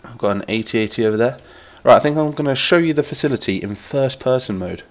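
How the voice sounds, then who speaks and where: A man from Lincolnshire, England, with an English accent, chats enthusiastically on a gaming live stream, sounding nasal from a cold. His mid-range voice is animated and fast as he rambles and reads the chat aloud.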